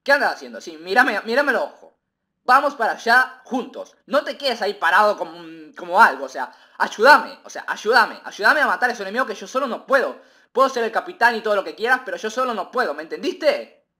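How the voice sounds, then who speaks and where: Brief: male gamer, rambling live commentary, very lively swooping delivery. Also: high voice, fast talker. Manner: excitable, rambling, repeats himself, bursts into shouts. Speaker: gaming video creator.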